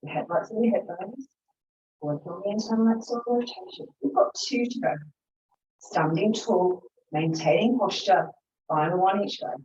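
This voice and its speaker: A woman's voice: medium pitch, normal speed, darkish tone. A woman leads a Pilates class, encouraging the group as she counts reps and cues each breath in and out. Her voice carries a roomy echo and sounds a little dull and muffled. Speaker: Pilates instructor. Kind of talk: guiding an exercise class.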